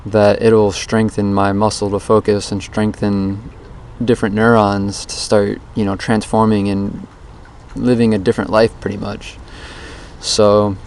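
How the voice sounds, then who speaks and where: A man's voice: fairly low pitch, level tone, measured pace, darkish tone. A man giving a rambling, introspective audio diary in a casual way, captured as a dictaphone recording outdoors. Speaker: vlogger recording a daily challenge diary. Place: outdoors under a bridge. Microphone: handheld voice recorder. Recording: outdoor voice recorder with background noise.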